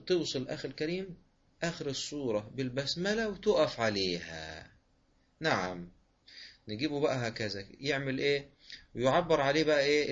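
A man's voice: on the high side, a bit bright, dull audio. A man with an Egyptian accent teaching Quran recitation rules in an online lesson, patiently repeating each rule and answering his own questions. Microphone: online voice room.

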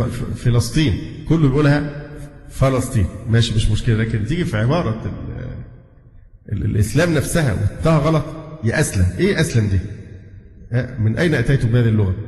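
An Egyptian sheikh teaches at a measured pace and pauses on drawn-out fillers. He sounds stern as he corrects language. His voice carries a long reverb from a large, echoey hall. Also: medium pitch, vocal fry, darkish tone. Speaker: sheikh giving a religious lesson. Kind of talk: religious lesson mixing classical narration and colloquial asides.

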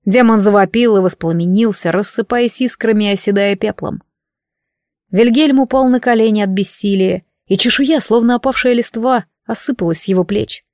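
A woman reading a fantasy novel aloud in steady storytelling narration. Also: medium pitch, moderate pace, no room sound, studio quality. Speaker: audiobook narrator.

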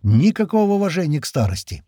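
A man voicing a weary, wry old man with a hoarse voice in an audiobook. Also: a little high, big pitch swings, fast talker, dark tone, no room sound, studio quality, pitched above the performer's own voice.

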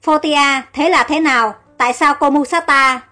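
A woman's voice: high-pitched, moderate pace, sharp tone, faint music behind. A woman voicing a young male king who speaks in a stern, accusing way. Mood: angry.

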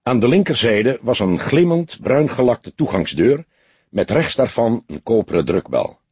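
A man narrating a detective audiobook in measured, lively scripted narration. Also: mid-range voice, slightly rough, no room sound.

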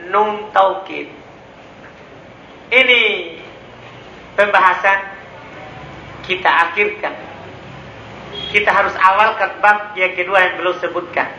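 A man teaching Arabic grammar in a classroom lecture, often stopping to quiz his students with quick questions. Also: sits high, steady tone, pushed and bright, a little hiss or hum. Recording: echoey classroom recording.

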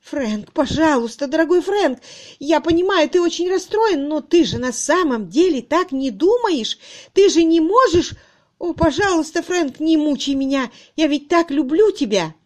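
A desperate older spinster pleads in a shrill, tearful voice, as a woman reads her in an audiobook. Her voice climbs high and thin, strained with crying. It is a plain studio reading with nothing behind it. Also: sing-song, unhurried, few pauses. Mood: tearful, pleading.

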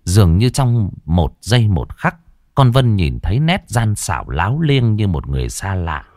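A man telling a ghost story in a lively, dramatic way. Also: fairly low pitch, moderate pace, no room sound.

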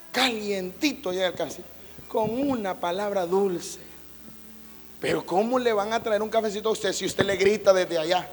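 Pastor guy preaching, high voice, lots of homey stories, long church echo w faint music. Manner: folksy, storytelling preaching with playful quoted voices. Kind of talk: sermon. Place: church hall.

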